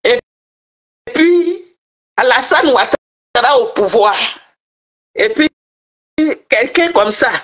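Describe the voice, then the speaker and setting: A middle-aged Ivorian woman, speaking French with an Ivory Coast accent, delivers an angry political rant to her online viewers, scolding and taunting them. Her fairly high, fairly bright voice is animated yet slow, broken by long pauses, and her nose is stuffy from a cold.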